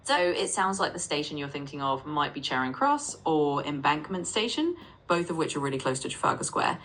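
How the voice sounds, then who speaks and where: A synthetic female voice acting as a patient English tutor, gently correcting and repeating sentences. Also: low voice, lively intonation, a little fast, slight background noise, low-quality recording. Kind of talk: conversational language tutoring.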